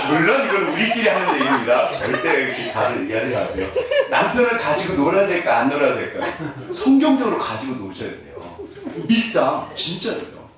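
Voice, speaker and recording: A man's voice: on the high side, wildly swooping pitch, a little fast, a loud crowd. A middle-aged man preaching a sermon as pastor, humorous and self-deprecating, often laughing. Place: church sanctuary. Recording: roomy echo, voice from a distance.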